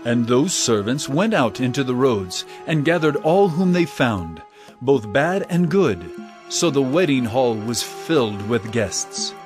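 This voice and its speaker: An actor playing Jesus as an authoritative teacher in a dramatized scripture production, speaking emphatically. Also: male voice, medium pitch, expressive, a little slow, over music, natural voice. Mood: grave storytelling. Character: Jesus, an authoritative male teacher telling parables.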